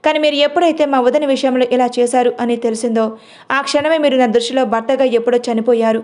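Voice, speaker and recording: A woman's voice: high voice, steady tone, quick pace, a little mellow, natural voice. A woman storyteller voicing a heartbroken young wife who accuses her husband through tears in a storybook. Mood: furious, tearful. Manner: crying and accusing.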